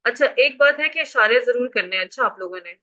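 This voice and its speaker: A woman teacher leads students through verb tables and calls on them to recite. She prompts answers and praises correct replies, speaking with a fairly high voice. The audio is muffled and lo-fi. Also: expressive, a little fast, pushed and bright. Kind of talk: classroom lesson on Arabic grammar.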